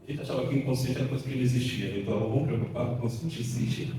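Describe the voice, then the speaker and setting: Speaking in a mid-range, warm voice at a rapid-fire clip, this Brazilian-accented seminar speaker jokes his way through an informal lecture, full of slang and acted-out quotes. He's in a large hall before an audience, recorded far from the mic with echo and slight background noise.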